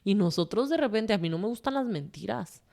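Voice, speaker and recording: A woman with a Mexican Spanish accent tells her own story as a guest. She talks frankly and emotionally, curses without holding back, and strings her thoughts together with lots of fillers. Her voice sits at an ordinary middle pitch. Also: expressive, a little fast, vocal fry, a little mellow. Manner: frank and emotional, swears freely, rambles with fillers. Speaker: guest telling her testimony. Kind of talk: candid conversational storytelling.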